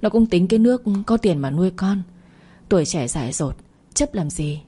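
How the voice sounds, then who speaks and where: Woman reader doing an older housekeeper, kind but blunt, low voice, storybook. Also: animated, normal speed, husky. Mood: chiding. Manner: plain, scolding gently. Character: kindly older female housekeeper, frank.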